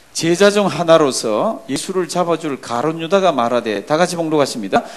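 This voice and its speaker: Animated Korean pastor preaching. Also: male voice, a little high. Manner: animated, asks the congregation questions, leads group readings. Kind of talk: sermon.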